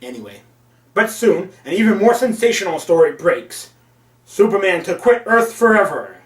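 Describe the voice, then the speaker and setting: A man's voice: sits high, animated, normal speed. Sarcastic man reviewing old comics. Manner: sarcastic, crude asides. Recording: roomy, from a distance.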